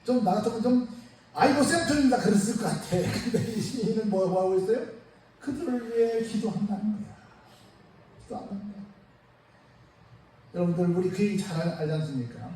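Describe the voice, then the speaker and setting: A high-voiced pastor preaches a Sunday sermon in a church sanctuary, lively and conversational, peppering the congregation with rhetorical questions. He talks fairly quickly but pauses often. The distant mic makes the sound heavily echoey, as if caught from across a big hall, with a faint hiss underneath.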